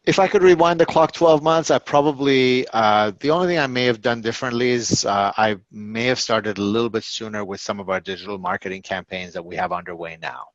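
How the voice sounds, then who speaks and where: A man in his fifties, an executive answering interview questions in a halting, casual way, full of fillers and restarts. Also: lowish voice, dry recording. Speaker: tech company executive guest. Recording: dull, lo-fi and dry.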